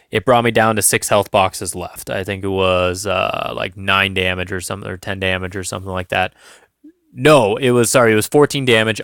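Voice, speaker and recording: A man's voice: lowish voice, fairly bright tone, no echo, studio quality. A young man casually recapping a tabletop game, chatty and self-deprecating, laughing often. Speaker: tabletop game channel host.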